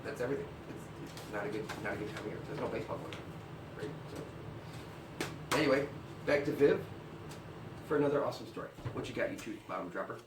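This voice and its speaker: A man reads out mock news with a dry, deadpan delivery and plenty of swearing. He sits back from the mic in a roomy space, with a faint hiss behind him. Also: mid-range voice, brisk, pauses often, distant mic. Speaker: comedy news co-host. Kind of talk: deadpan comedic news segment.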